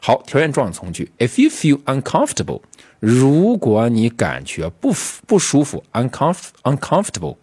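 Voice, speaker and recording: A man teaching English vocabulary to students, explaining step by step and repeating words slowly. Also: mid-range voice, wildly swooping pitch, a little mellow, slightly rough. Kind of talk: classroom-style vocabulary lesson.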